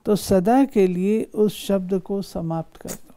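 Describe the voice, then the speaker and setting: A woman reads a spiritual discourse in a very warm, mellow voice. Her delivery is measured and instructive, and she keeps posing questions to her listeners. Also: medium pitch. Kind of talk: reading a spiritual discourse aloud.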